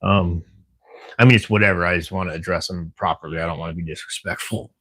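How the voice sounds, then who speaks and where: Here the Texan streamer sits low with fairly even intonation, a quick pace, a fairly bright tone and a breathy edge. On his camera security shift he reads viewer comments in a chatty, friendly way, filler after filler.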